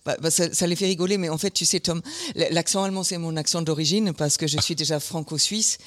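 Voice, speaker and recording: A woman from Germany, an actress and dancer, chatting as a guest in a radio interview, lively and quick to laugh. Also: sits low. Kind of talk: casual radio interview chat.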